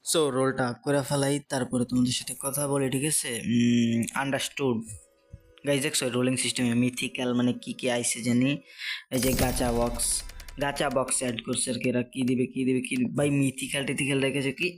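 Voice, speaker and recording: A man's voice: mid-range voice, little pitch movement, fairly quick. Young Bangladeshi man, chatty gaming commentary, noisy home recording. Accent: Bangladeshi Bengali. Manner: chatty, rambling, mixes English phrases. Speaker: gaming YouTuber. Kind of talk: casual gameplay commentary.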